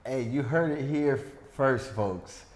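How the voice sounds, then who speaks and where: A podcast host with a mid-range voice talks at a slow pace, keeping a casual interview chat easygoing with joking, self-deprecating asides. He's recorded in an echoey room.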